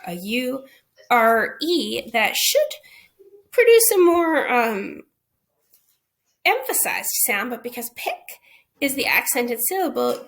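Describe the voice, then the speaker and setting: A woman's voice: on the high side, fairly bright tone. Lady explaining spelling stuff to teachers, patient, keeps asking "okay?". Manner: explains patiently, often checking with "okay?" and "right?". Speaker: literacy teacher answering questions. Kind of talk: recorded online lesson.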